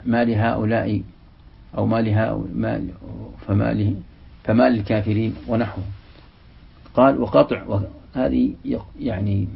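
Gravelly, husky man teaching a religious lesson. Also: on the low side. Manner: reads a passage, then explains it slowly and repeats the example words. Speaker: lecturer explaining a classical text. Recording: dull, lo-fi lecture recording.

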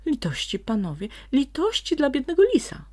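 A woman's voice: high-pitched, very animated, normal speed, darkish tone, pitched above the performer's own voice. Woman doing a sly, whining cowardly fox. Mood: pleading. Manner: wheedling and whining.

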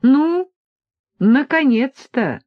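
A woman's voice: a little high, expressive, measured pace, dry recording, muffled recording, voice pushed up. A woman voicing a cheerful, commanding young man with a teasing manner in an audiobook. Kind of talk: audiobook reading.

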